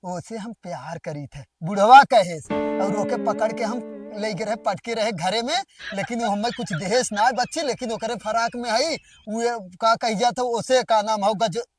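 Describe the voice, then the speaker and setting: A man's voice: high voice, normal speed, distant mic, music in the background. Blustering Awadhi village man. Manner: blustering, scolding. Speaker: comedy sketch actor. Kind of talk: rustic comedy acting.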